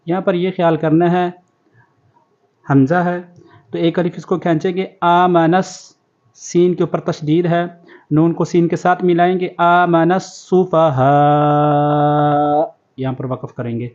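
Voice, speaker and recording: High-voiced male Quran teacher, lo-fi. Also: steady tone, mellow. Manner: slow drawn-out recitation, then quick spoken explanations. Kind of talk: tajweed recitation lesson. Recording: dull lo-fi sound.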